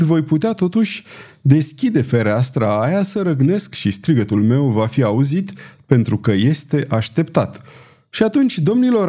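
A man voicing a bold, mocking male swordsman who speaks with calm, taunting defiance. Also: medium pitch.

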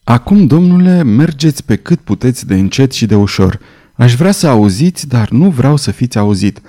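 A man's voice: mid-range voice, big pitch swings, dark tone. A man voicing a frightened, loyal male butler who talks in an urgent, pleading way in an audiobook. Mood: hushed urgent.

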